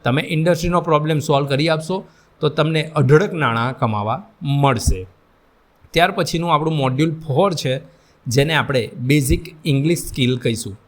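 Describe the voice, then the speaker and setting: A man's voice: on the high side, normal speed. A man giving a lecture on employability skills, addressing his students directly and mixing English terms into his explanations. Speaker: vocational instructor. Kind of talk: classroom lecture.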